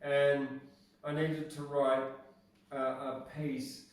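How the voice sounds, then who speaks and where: A man reading his own poems at an open mic and chatting casually between them, hesitant and halting. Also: medium pitch, monotone. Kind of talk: casual poetry reading with informal chat. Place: echoey room at an open mic event. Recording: echoey room, distant mic.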